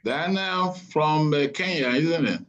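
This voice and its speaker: A man's voice: on the high side, unhurried, fairly bright tone. A man tutoring anaesthesia students over a video call, quizzing them and teasing them along. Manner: encouraging, teasing, gives marks. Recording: dull lo-fi call audio.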